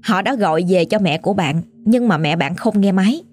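A woman's voice: mid-range voice, lively intonation, brisk, darkish tone. A woman with a Southern Vietnamese accent telling a ghost story in a chatty, dramatic way, speaking to the listener directly.

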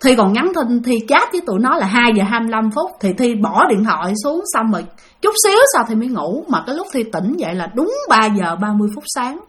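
A woman tells a spooky personal story in a casual, chatty way. Her voice sits high and moves a great deal, and she speaks of herself by name while talking straight to her listeners. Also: fast talker. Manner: animated, talks about herself in the third person, addresses listeners directly.

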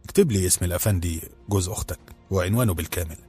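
A man's voice: low-pitched, rapid-fire, dark tone, breathy edge, faint music behind. Man doing a hearty teasing prince. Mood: serious. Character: jovial worldly aristocratic prince, man.

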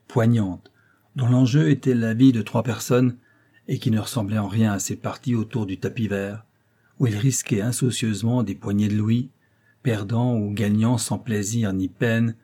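A man narrating a classic novel in a measured, expressive reading. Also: fairly low pitch, slightly rough. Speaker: audiobook narrator. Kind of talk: scripted literary narration.

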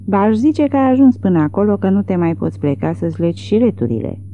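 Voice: medium pitch, very animated, a little hiss or hum, pitched above the performer's own voice. A reader voicing a cold, shrewd father in his sixties who answers with dry mockery, on tinny phone-like audio. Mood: mocking. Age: 60s. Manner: dry, mocking retorts. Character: sardonic sixty-year-old father, cold and shrewd.

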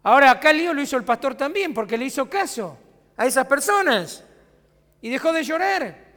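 A pastor preaches in a large sanctuary with a very high, sharp voice, sounding animated and brisk. His accent is Rioplatense Argentine, and he talks to his congregation conversationally, asking them rhetorical questions.

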